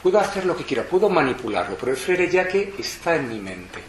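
Lecturing to an audience, this man, whose first language is Spanish, has a slightly high voice with big pitch swings and a fairly quick pace. He's reflective and explanatory, frequently starting sentences over, and the hall echoes with faint noise behind him.

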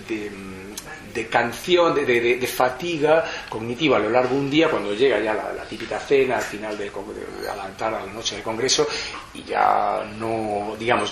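A Spanish-speaking man lectures to an audience in a lowish, fairly bright voice with vocal fry, reflecting and explaining while often restarting his sentences. The recording carries a roomy hall echo and faint background noise.

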